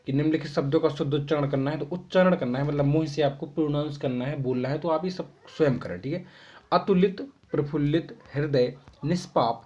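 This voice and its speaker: A man's voice: on the high side, a little mellow. A young man explaining homework answers to children, reading out each question and then dictating the answer, with a constant "ठीक है" to check in. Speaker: teacher. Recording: dull lo-fi sound.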